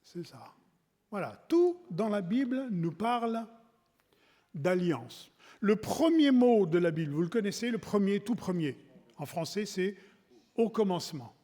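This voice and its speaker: A man with a high voice preaches a wedding sermon, his words ringing with a long reverb through the church hall. He talks in a loose, conversational way, often restarting and repeating himself. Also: expressive, unhurried, mellow. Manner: conversational and repetitive, many restarts and asides.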